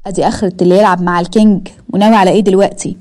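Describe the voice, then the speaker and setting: A woman's voice: mid-range voice, steady tone, racing, darkish tone, close to an everyday voice. A woman with an Egyptian accent voicing a teasing, protective young man who talks in a wry, scolding way. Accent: Egyptian Arabic.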